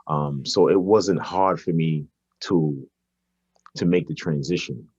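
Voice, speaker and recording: Slow and a little mellow, his bass voice has a breathy quality. He's a Brooklyn basketball coach in his 40s, answering an interviewer conversationally with hesitations and repeated words as he thinks. The dry recording has its highs cut off.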